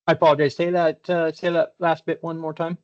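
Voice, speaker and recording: A man questioning a witness as technical examiner at a hearing, heard over a video call, careful and hesitant, with many pauses. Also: fairly high pitch, little pitch movement, lo-fi sound.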